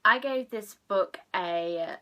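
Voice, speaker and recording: Slightly congested after sneezing, this young woman wanders through a relaxed book wrap-up for her vlog, often backtracking to fix what she said. She speaks slowly in a mid-range voice that comes across bright and forceful.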